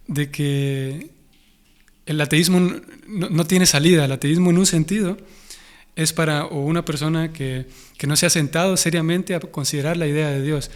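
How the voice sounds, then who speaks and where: Young man, Honduran Spanish accent, slightly high voice, thoughtful, many restarts. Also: moderate pace. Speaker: interview guest, Hare Krishna devotee. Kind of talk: conversational interview.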